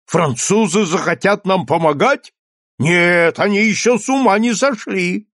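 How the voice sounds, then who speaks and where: A man voicing a quick-tempered, pompous male burgomaster in an audiobook, blustering and shouting. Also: high voice, dry recording, clean studio sound, pitched above the performer's own voice. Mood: indignant. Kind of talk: audiobook character reading.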